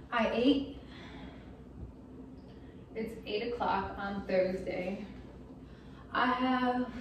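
A woman's voice: a little high, muffled recording, a little hiss or hum. A young woman from the Chicago area chatting to her phone camera in a casual, candid, self-mocking vlog, from a car and then at home. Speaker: vlogger. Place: car backseat, then small kitchen and living room. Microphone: phone camera held close.

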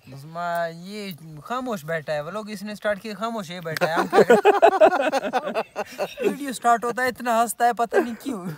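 A man with a high voice teases his friend in a relaxed vlog conversation. A crowd of voices talks on behind him. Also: quick pace, few pauses. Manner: teasing, joking. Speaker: friend of the vlogger. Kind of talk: casual vlog chat.

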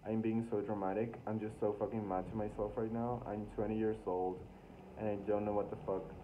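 A young man in his early twenties, in a small indoor room, reads his own diary aloud casually, like a vlogger talking to the camera, with embarrassed, self-mocking asides. His voice is on the low side, level and fairly quick. The sound is thin and phone-like, with loud noise.

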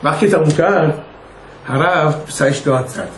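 An older man, a rabbi, giving an informal religious lesson in a conversational way, telling stories and acting out their dialogue. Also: a little high. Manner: conversational, anecdotal, acts out quoted dialogue. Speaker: rabbi teaching a class. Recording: echoey room with faint noise.

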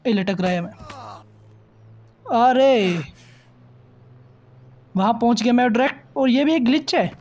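A man hosting casual mobile gameplay commentary, chatty and excited, exclaiming at what happens on screen. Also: extremely high pitch, a little hiss or hum. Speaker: mobile gaming channel host. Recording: game sounds under the voice.

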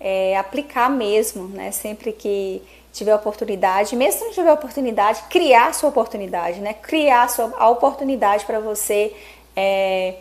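A woman's voice: mid-range voice, darkish tone. Chatty woman teaching English. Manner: chatty, frequent tag questions, slow emphatic English examples. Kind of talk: casual online English lesson.

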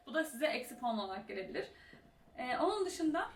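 A young woman giving casual exam-speaking tips as a tutor, talking fast and chatty with many fillers. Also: high-pitched, very animated. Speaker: IELTS tutor and YouTuber. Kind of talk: casual advice vlog. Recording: roomy echo, mic at a distance, faint room noise.

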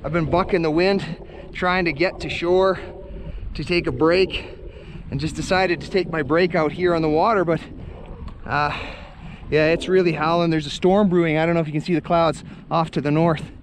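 A man filming a fishing vlog from a kayak on a windy lake, talking to his viewers and getting wildly excited as he lands a fish. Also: on the high side, normal speed. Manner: excited, breathless exclamations while landing a fish. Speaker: fishing vlogger. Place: on a kayak on a lake, outdoors in the wind. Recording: faint wind noise on the mic.

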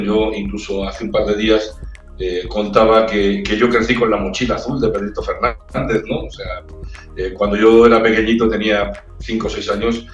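A muffled recording catches a man in his forties from Spain, speaking with a Castilian accent in a lowish voice. An opera-trained ranchera singer, he chats casually as an interview guest on a video call, searching for words and repeating them. He sits in an echoey indoor room with a brick wall, far from the mic, with faint music behind him.

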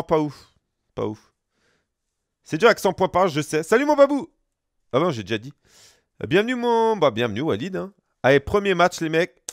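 Chatty higher-voiced gaming streamer man. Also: no room sound, studio quality. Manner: chatty, slangy, keeps greeting chat viewers by name. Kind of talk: casual live-stream gameplay commentary.

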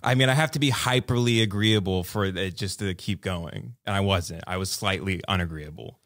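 A man's voice: deep voice, normal speed, a bit bright, no room sound, clean studio sound. A man who produces a podcast, mumbling, self-deprecating and defensive in casual chat.

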